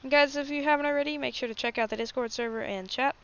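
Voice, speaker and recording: Casting: female livestream host, highish forceful voice, informal running commentary aimed straight at viewers. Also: quick pace, clear, resonant tone. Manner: informal, chatty, addressing viewers directly. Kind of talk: casual live plane-spotting commentary. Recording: dull lo-fi mic with faint noise.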